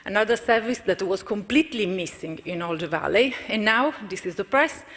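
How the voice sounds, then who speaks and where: A woman's voice: mid-range voice, animated, brisk, fairly bright tone. A woman giving a conference presentation for her community cooperative, hesitant with fillers and restarts. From Italy. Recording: reverberant conference hall.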